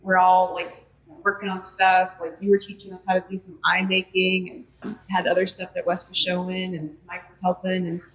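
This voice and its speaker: A woman's voice: fairly low pitch, monotone, moderate pace. A woman co-hosting a podcast, chatting casually at a roundtable and filling her sentences with "like" and "you know.". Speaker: podcast co-host. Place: group class in Texas, indoors. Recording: echoey room with faint noise.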